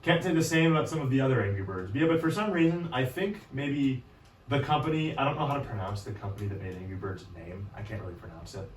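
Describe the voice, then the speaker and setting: A hoarse man hosting a gaming video, chatting casually in a rambling, self-deprecating way with lots of fillers. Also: medium pitch, fast talker. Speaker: gaming channel host. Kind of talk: casual gameplay chat. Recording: roomy echo, distant mic.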